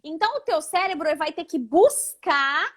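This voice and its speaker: A woman's voice: very high voice, expressive, moderate pace, a bit bright. A woman who is a guest speaker giving a didactic talk on public speaking in a live online session over a video call, demonstrating different intonations as she explains. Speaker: oratory instructor, guest speaker.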